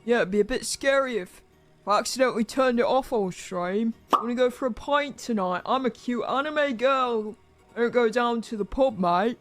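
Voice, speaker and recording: A man's voice: extremely high pitch, moderate pace, a bit bright, faint music behind. Man through a cute-girl voice changer. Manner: playful, teasing, mock-innocent. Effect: voice changer making a cute anime girl voice. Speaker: VTuber streamer. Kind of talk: comedic stream skit.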